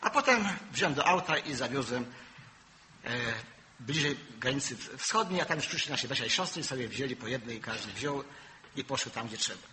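Older guy preaching, really bright sharp voice, storytelling, goes loud then drops low. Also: lively intonation, fairly quick, a little hiss or hum, rough recording. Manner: storytelling, swings from loud emphasis to low asides. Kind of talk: sermon.

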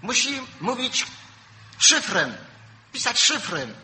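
Older guy preaching, really bright sharp voice, storytelling, goes loud then drops low. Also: big pitch swings, slow pace, rough recording. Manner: storytelling, swings from loud emphasis to low asides. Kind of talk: sermon.

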